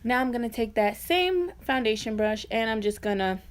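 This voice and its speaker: A woman's voice: fairly high pitch, animated, moderate pace. A woman talking informally and directly to viewers in a casual, chatty makeup tutorial voice-over. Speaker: beauty vlogger.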